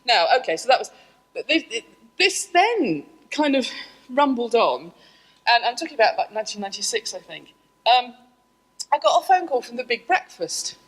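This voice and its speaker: A middle-aged woman, a scientist, giving a lively conference talk to an audience, with self-deprecating asides. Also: on the high side, normal speed, rough recording. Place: lecture room.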